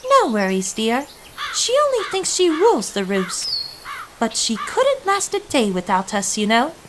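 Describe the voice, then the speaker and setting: A timid, loyal storybook hen, voiced by a woman, who soothes her friends. Her pitch is high and moves in lively swings. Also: measured pace, noisy background. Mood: soothing. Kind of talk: animated storybook character voice.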